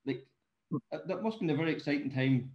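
A man interviews his guest in a relaxed chat, backing him up with short replies. His voice sits a little high. The sound is dull and lo-fi. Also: fast. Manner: encouraging, frequent backchannels. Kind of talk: casual interview. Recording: dull lo-fi recording.

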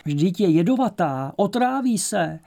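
A man voicing an anxious, cautious young male prisoner who speaks urgently, with a gravelly husky voice. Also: mid-range voice, mellow. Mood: alarmed. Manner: urgent, worried.

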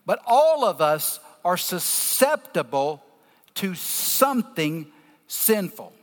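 A man with a deep Southern US accent preaching a sermon, teaching scripture emphatically and deliberately in short, broken phrases. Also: big pitch swings. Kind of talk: sermon, explaining scripture to a congregation. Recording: long reverberation of a large hall.

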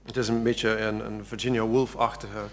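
Man, author, gravelly, reading his own prose aloud, halting when speaking freely. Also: fairly low pitch, little pitch movement. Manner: halting, with many fillers when talking freely.

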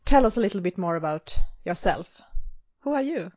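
A woman's voice: mid-range voice, animated, normal speed, darkish tone. A woman hosting a podcast interview, asking brief, direct questions. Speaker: podcast host. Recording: muffled lo-fi audio.

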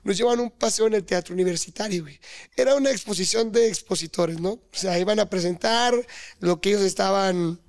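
Guest storyteller: young Mexican man, high voice, animated, acts out other people's lines with shouts. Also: brisk. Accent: Mexican Spanish. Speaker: podcast guest. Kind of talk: casual storytelling chat.

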